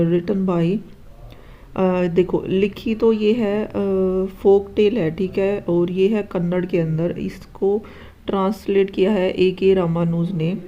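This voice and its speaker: Mellow, flat-voiced woman teaching. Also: fairly low pitch, highs cut off. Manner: explains patiently, checks in with "ठीक है" often. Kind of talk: exam-prep lesson with memory tricks.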